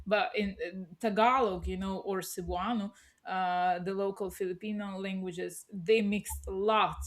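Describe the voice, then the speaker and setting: Chatty woman explaining with examples. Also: medium pitch. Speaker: panel participant, language learner. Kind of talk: casual discussion.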